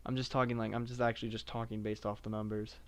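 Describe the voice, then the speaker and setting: Smooth-voiced man rambling in a monotone. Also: fairly low pitch, quick pace. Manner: rambling, filler-heavy, self-described monotone. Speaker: live-streaming gamer. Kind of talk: casual live-stream chat while playing.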